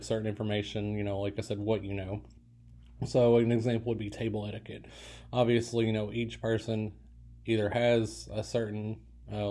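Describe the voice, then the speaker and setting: In a fairly low, mellow voice, a college lecturer delivers a recorded lecture in a relaxed, loose manner. He restarts sentences and uses plenty of fillers, and he sometimes holds back a yawn.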